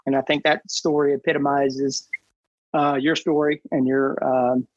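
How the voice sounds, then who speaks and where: A man co-hosting a podcast, speaking in a measured, reflective way. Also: medium pitch, flat delivery, no room sound. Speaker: podcast co-host. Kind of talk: casual podcast commentary. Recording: dull lo-fi dry sound.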